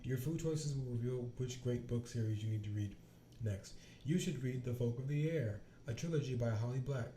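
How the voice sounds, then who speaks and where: A sleepy man co-hosts a podcast in easygoing chat, rambling and letting his sentences trail off. His voice is mellow and dark, at a middling pitch. A faint hiss runs under the recording. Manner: laid-back, rambling, trails off. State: sleepy, yawning. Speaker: podcast co-host. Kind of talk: casual chat.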